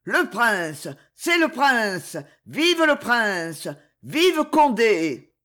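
Reader doing a rowdy armed crowd, drawn-out chanting, higher pitch, audiobook role. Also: very animated, exaggerated voice. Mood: triumphant chanting. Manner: shouting, chanting slogans. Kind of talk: audiobook character reading.

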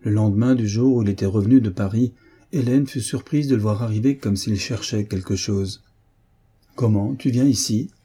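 A man reading a novel aloud as a narrator, in a measured, even storytelling delivery. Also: on the low side, slightly rough. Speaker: audiobook reader. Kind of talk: scripted narration.

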